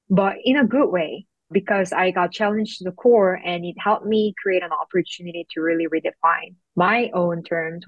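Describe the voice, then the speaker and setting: A young South Korean woman, a guest in an interview conversation, speaks thoughtfully and reflectively, using fillers often. Her voice is on the low side. The recording is dry, with the highs cut off.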